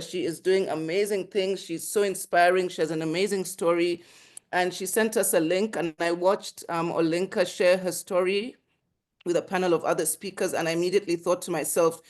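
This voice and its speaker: A host with a mid-pitched voice introduces the guest speaker on a video call. The delivery is loose and chatty, with many small fillers.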